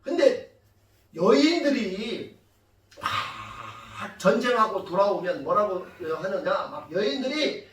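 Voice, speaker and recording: A woman's voice: mid-range voice, slow. Korean woman pastor preaching in an echoey hall. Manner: lively storytelling, quizzing the congregation, sudden loud emphasis. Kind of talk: sermon. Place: church sanctuary. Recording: echoey church hall from far off.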